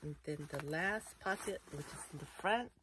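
A middle-aged woman with a low voice, speaking at normal speed, shows off a backpack in a casual unboxing video, rambling chattily with lots of "you know" and restarts. She's recorded close to the camera in an indoor room packed with collectibles, and the background is noisy.

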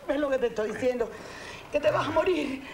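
Desperate Cuban woman, high voice, pleading and swearing, film drama, noisy film audio. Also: fairly quick, echoey room. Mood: pleading, scolding. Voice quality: emotional, pleading, swearing often. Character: intense, desperate woman with premonitions of death. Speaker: actress. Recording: film audio with steady background noise.

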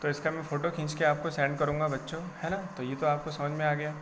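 A man's voice: a little high, level tone, quick pace, background noise. A man teaching a recorded math lesson to children, patiently repeating each step and reassuring them it is simple.

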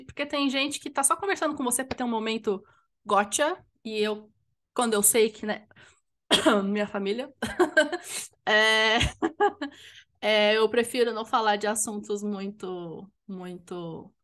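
A woman's voice: a little high, a bit bright. A young adult woman co-hosting a podcast, talking casually and reflectively, thinking aloud with restarts. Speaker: podcast co-host.

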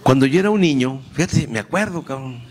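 A middle-aged Mexican man doing profane, animated stand-up storytelling. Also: mid-range voice, brisk. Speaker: comedian. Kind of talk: stand-up comedy.

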